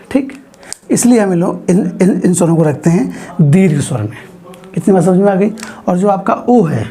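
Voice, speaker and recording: A Hindi teacher with a high, dark, husky voice leads a grammar lesson. He explains slowly, writing on a board and frequently asking his students questions.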